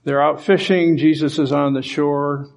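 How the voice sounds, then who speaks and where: A man's voice: fairly high pitch, steady tone, unhurried, gravelly. A man preaching a sermon, reading scripture aloud and explaining it with emphasis. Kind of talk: sermon Bible teaching.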